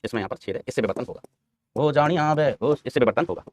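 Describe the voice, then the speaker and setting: Rapid-fire male physics teacher. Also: fairly low pitch, darkish tone, a little hiss or hum. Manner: quizzes students and answers his own questions, repeats key terms; calls students son and brother affectionately. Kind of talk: classroom lecture.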